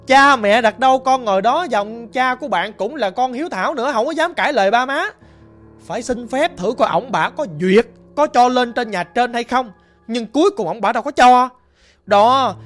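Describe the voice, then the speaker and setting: A woman with a Southern Vietnamese accent telling a ghost story in a lively, emphatic, conversational way. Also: on the high side.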